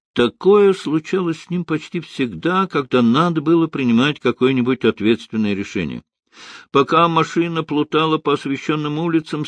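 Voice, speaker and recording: Expressive male audiobook narrator. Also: mid-range voice, no room sound. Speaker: audiobook reader. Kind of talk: scripted narration.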